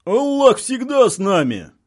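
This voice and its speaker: A man voicing a group of aggressive militants who shout in guttural voices. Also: high voice, very animated, normal speed, breathy edge, pitched above the performer's own voice, exaggerated voice. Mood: angry shouting. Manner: shouting angrily.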